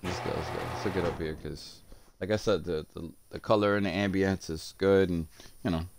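A man casually commenting on his game as a streamer, thinking aloud in relaxed slang and often repeating phrases. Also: sits low, brisk, gravelly, soft background music.

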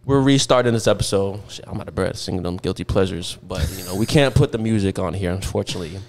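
A man's voice: deep voice, fast, gravelly, darkish tone. A man hosting a podcast, chatting casually with laid-back slang. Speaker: podcast host.

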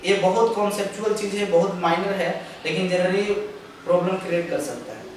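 Recorded from afar by a camera in an echoey classroom, a young man with a high-pitched voice teaches grammar at the chalkboard, with slight background noise. He explains step by step, drawing out example sentences slowly, mixes English phrases into Hindi, and answers the questions he asks himself.

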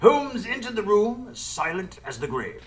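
An actor playing a loyal, exasperated English gentleman doctor, formal and wordy, in a live radio drama. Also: sits high, big pitch swings, measured pace. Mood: reflective narration. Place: live stage before an audience.

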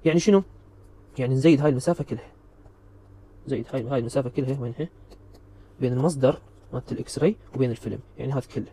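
A man's voice: medium pitch, very fast, long pauses, mellow. A man giving a recorded physics lecture, explaining step by step and checking understanding with repeated questions.

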